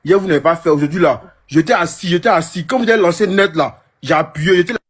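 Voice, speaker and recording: A man's voice: on the high side, fast talker, husky. A young man with an Ivorian French accent calling in, moved and pleading, repeating himself and stumbling over words. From Côte d'Ivoire. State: emotional, moved. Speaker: caller. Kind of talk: emotional call-in plea.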